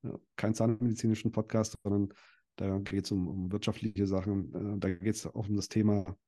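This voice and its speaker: A young adult man speaking as a podcast guest. His voice sits low and sounds warm and relaxed. He talks loosely, hesitating often and restarting his sentences. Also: moderate pace. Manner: hesitant, many fillers and restarts. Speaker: podcast guest, dental practice owner and event organizer. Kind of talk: casual interview chat.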